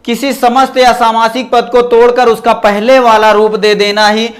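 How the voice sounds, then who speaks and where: This online Sanskrit grammar teacher has an extremely high pitch and a flat delivery at normal speed. After points he checks in with "ठीक ना," and he repeats everything he teaches.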